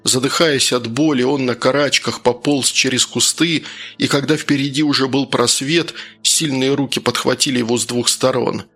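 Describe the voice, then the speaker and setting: A man's voice: medium pitch, steady tone, moderate pace, fairly bright tone. A man narrating a tense thriller audiobook. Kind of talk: scripted narration. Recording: audiobook with faint music.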